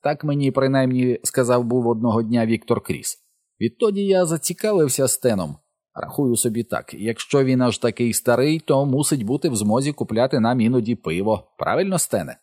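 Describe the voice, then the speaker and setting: A man's voice: mid-range voice, lively intonation, a little fast, warm tone, no room sound, studio quality, pitched above the performer's own voice, close to an everyday voice. A man voicing a brash, showy, wisecracking boy of about eleven in a storybook reading. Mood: teasing.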